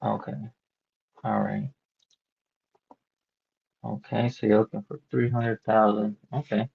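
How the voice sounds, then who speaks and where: A gravelly, lowish male voice with little pitch movement comes through a muffled phone line. He's a real estate wholesaler cold-calling a seller, speaking casually and haltingly, full of fillers and restarted sentences, in a dull lo-fi call recording.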